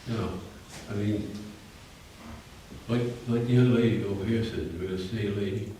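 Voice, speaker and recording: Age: 70s. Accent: New England. Sex: man. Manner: rambling folksy resident, low voice. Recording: very echoey room, distant mic, faint noise. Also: moderate pace, mellow. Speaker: resident giving public comment. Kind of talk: public comment at a hearing. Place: township meeting room.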